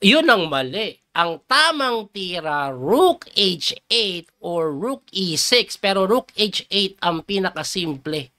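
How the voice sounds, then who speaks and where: A middle-aged man from the Philippines, a chess coach giving excitable live commentary on a game and reacting loudly to each move. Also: high voice, takes it slowly, hardly any pauses.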